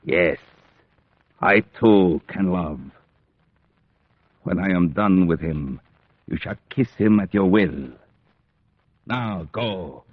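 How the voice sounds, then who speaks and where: An actor playing a menacing, imperious male vampire count with a gravelly, husky voice in an old-time gothic radio play. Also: low-pitched, takes it slowly, long pauses, no echo. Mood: cold, commanding. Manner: imperious, commanding. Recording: dull vintage radio recording.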